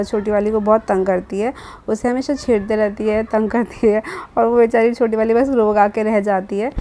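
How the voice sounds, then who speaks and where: A woman's voice: fairly high pitch, dark tone. A young woman from India, a mother of two, talking casually to camera in her vlog and slipping English words into her chat. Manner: chatty, slips English words into Hindi.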